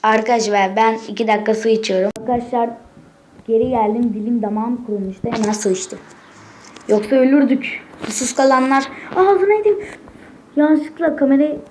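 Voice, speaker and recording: A woman hosting a gaming channel, chatting casually to viewers from a room at home, excitable and swearing as she gets frustrated. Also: a little high, fairly quick, a little hiss or hum. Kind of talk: casual gameplay commentary.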